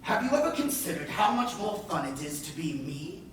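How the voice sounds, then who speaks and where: An actor on stage playing a scheming, smug pirate captain, grandiose and wry, with deliberate emphasis. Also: male voice, a little high, very animated, fairly bright tone. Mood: seductive. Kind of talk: projected stage-play acting. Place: indoor playhouse stage. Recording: echoey theatre, far mic, faint noise.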